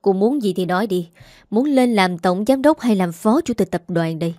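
Stern older matriarch, voiced by a woman, commanding; low warm tone, audiobook drama. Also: lively intonation, normal speed, no room sound, clean studio sound, close to an everyday voice. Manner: severe, commanding.

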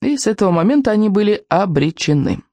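Lively, expressive audiobook narrator. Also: mid-range voice, quick pace, no room sound. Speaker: audiobook reader. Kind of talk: scripted narration.

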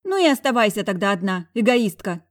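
A woman voicing a sharp-tongued young woman, the heroine's blunt best friend, in an audiobook. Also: fairly high pitch, fairly quick, pitched above the performer's own voice, close to an everyday voice. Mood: angry. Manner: scolding, blunt.

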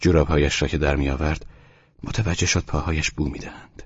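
A man narrating an audiobook in a calm, even reading, in a dull, dry studio recording. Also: rumbling low, breathy edge, no room sound. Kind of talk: scripted narration.

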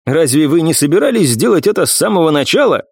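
A man voicing a cold, composed young woman senator-warrior in an audiobook, speaking calmly with curt, grim irony. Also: on the high side, fast talker, slightly rough, dry recording, studio quality, voice pushed up, heavily acted. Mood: cool. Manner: calm, curt, grimly ironic. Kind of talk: audiobook character voice.

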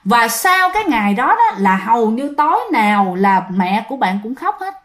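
Woman ghost-story narrator, higher voice, lively. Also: normal speed. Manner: animated, addresses listeners directly.

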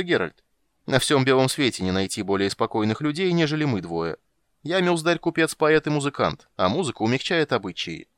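A man's voice: medium pitch, a bit bright, no echo. A man voicing a boastful, flamboyant male bard in an audiobook, teasing and exclamatory. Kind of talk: audiobook character voice.

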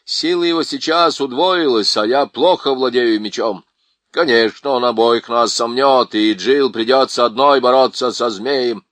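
A man's voice: medium pitch, measured pace, fairly bright tone, no echo, lightly acted. A man voicing a gloomy, cautious male marsh creature who speaks tersely and firmly. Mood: grim. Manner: grim, terse and firm.

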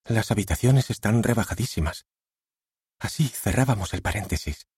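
A man's voice: lowish voice, normal speed, darkish tone, breathy edge, no echo, clean studio sound, pitched above the performer's own voice. A man voicing an anxious, forgiving wife in an audiobook, raising his voice to play her. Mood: coaxing. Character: worried, forgiving wife, middle-aged woman.

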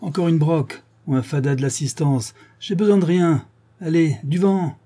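A man's voice: medium pitch, moderate pace, mellow, husky, natural voice. A man voicing a suspicious, hot-tempered old male farmer who barks his lines scornfully. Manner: barking, scornful.

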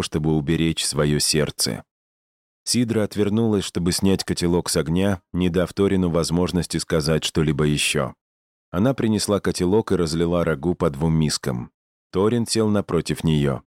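Deep-voiced male audiobook narrator. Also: darkish tone, no echo, studio quality. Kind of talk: scripted narration.

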